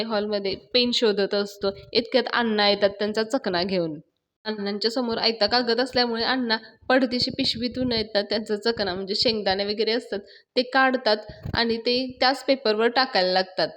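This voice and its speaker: A woman reviewer casually retelling a TV serial episode in a chatty, lively storytelling manner. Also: fairly high pitch.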